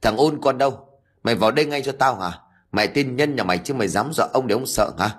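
A man's voice: on the low side, lively intonation, slightly rough. A man doing a hot-tempered scolding father. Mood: angry. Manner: scolding, quick and sharp. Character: hot-tempered middle-aged father, superstitious.

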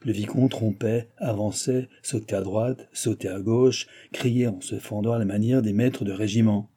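Audiobook narrator, male, low and dark, a touch husky. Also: fairly even intonation, moderate pace. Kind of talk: novel reading.

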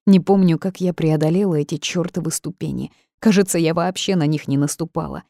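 Low dark-voiced woman narrator. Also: fairly even intonation, brisk, creaky, dry recording, studio quality. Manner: dramatic first-person reading. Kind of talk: audiobook narration.

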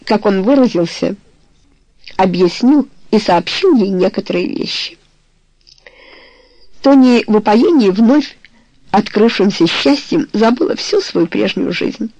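A woman narrating a novel in an even, measured storytelling voice. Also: medium pitch, no echo. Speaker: audiobook narrator. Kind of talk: novel reading.

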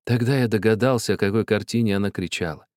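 A man reading a novel aloud in a steady, measured way. His voice sits somewhat low and the recording is dry and close. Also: dry recording. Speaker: audiobook narrator. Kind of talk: scripted narration.

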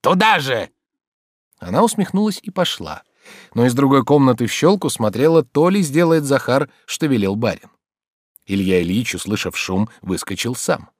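Expressive male audiobook narrator. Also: mid-range voice, moderate pace, no echo, studio quality. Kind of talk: literary audiobook reading.

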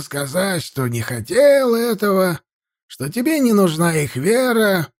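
A man's voice: a little high, dry recording, clean studio sound, heavily acted. A man putting on a stern old priest. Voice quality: sharp, old voice. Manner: stern, lecturing. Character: harsh old male high priest, stern.

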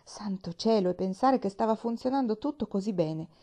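A woman voicing a cheerful, excitable young girl in a storybook reading, speaking with eager, breathless rushes of words. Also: mid-range voice, voice pushed up, lightly acted. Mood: disappointed.

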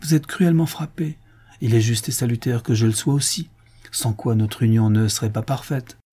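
A man reading the part of a gentle, devoted young wife, speaking tenderly. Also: mid-range voice, normal speed, husky, natural voice.

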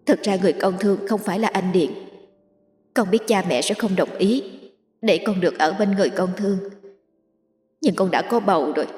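A woman voicing a young daughter's apologetic farewell letter in a soft, remorseful tone. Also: medium pitch, a little fast, long pauses, reverberant, in a large hall, close to an everyday voice.

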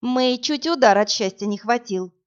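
A woman reading a first-person story aloud as an audiobook narrator, in a lively, expressive way. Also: on the high side, normal speed, lo-fi sound.

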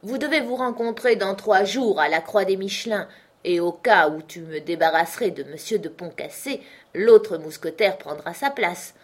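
A woman voices a wealthy old gentleman in a spoken storybook, blunt and used to having his way. He presses his offers and demands with brusque insistence. Her voice is slightly husky, with a mid-range pitch. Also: normal speed, natural voice. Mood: insistent. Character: wealthy old man, blunt and generous host.

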